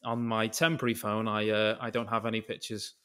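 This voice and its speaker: A British man with a somewhat low voice talks in a relaxed podcast chat. He rambles from one tangent to the next, swears casually, and keeps his stories loose and conversational. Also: brisk, smooth. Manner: rambling storyteller who jumps between tangents and swears casually. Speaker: podcast guest, concrete craftsman.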